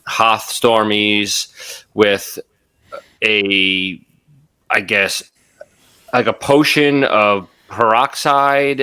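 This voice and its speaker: Guy chatting slow on a call, bright clear voice, kinda opinionated, rambly. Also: lowish voice. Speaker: podcast co-host. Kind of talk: casual chat.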